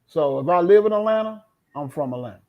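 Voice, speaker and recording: A man's voice: high voice, animated, fast talker. A man from North Carolina, a guest in a casual interview, telling stories in a boastful, humorous way. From North Carolina, United States. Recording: dull lo-fi audio.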